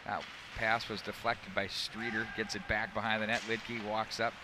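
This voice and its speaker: A man doing live hockey play-by-play, making rapid calls that rise sharply on scoring chances. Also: fairly low pitch, flat delivery, noisy background. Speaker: play-by-play announcer. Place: outdoor rink broadcast.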